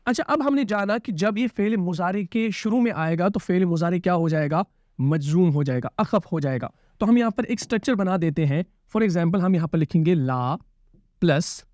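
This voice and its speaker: Male grammar teacher, high voice, patient repetitive explaining, dry slightly dull recording. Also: darkish tone, dry recording. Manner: explains patiently, repeats key terms, checks understanding with questions. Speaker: Quran and Arabic grammar teacher. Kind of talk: classroom-style grammar lesson.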